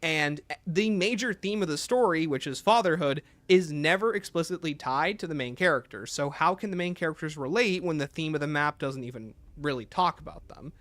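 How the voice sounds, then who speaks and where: Male livestream host, somewhat high bright voice, opinionated, talks back to chat, soft music behind. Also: fairly quick, hardly any pauses, dry recording. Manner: opinionated, reads and answers chat aloud. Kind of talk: casual livestream commentary.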